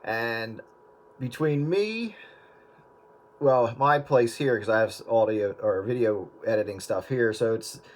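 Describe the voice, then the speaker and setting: A video editor from the US Northeast chats casually about editing old video, rambling with many fillers and restarts. His voice is medium-pitched and unhurried.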